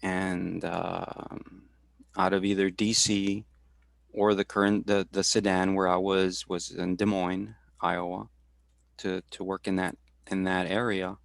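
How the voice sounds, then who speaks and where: A man in his forties from Texas, talking through his career in a halting way, with many fillers and restarts, over a video call. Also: deep voice, flat delivery, creaky, dry recording, studio quality. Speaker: guest speaker. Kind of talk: casual career talk.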